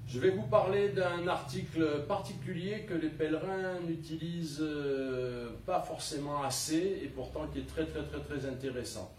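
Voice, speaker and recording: An older man talks through a casual gear demonstration in a chatty way, often pausing to hesitate. His voice sits back from the mic in a reverberant room. A faint background hum runs under him. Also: fairly high pitch, a little mellow. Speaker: pilgrim showing gear. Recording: roomy and distant with faint background noise.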